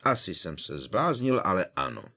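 A man putting on a fussy, vain old wizard professor, flustered and grumbling, with a deep, low voice underneath that keeps lifting into higher, fretful protests. The storybook figure hedges and mutters, reluctant at every turn. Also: big pitch swings, bright, forceful tone, exaggerated voice. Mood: grudging.

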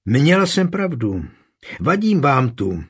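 A man voicing a quarrelsome, jealous woman close to thirty, in a shrill, accusing tone. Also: sing-song, slightly rough. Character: middle-aged woman, quarrelsome, jealous daughter.

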